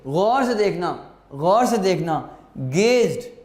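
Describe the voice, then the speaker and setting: A man teaching English vocabulary, slowly dictating words and meanings and repeating them for students. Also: high-pitched, lively intonation, a little mellow, reverberant. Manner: slow, deliberate, repeats words for students to note down.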